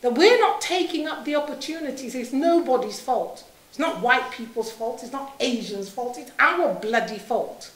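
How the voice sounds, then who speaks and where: A middle-aged woman from Saint Kitts speaks publicly with passion and emphasis. Her voice sits high, and she drives points home through repetition and rhetorical questions. The room adds a noticeable echo. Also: animated, normal speed, hardly any pauses. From Saint Kitts in the Caribbean, moved to England aged seven. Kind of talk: impassioned public talk. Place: indoor room, speaking to an audience. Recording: roomy, echoing live talk.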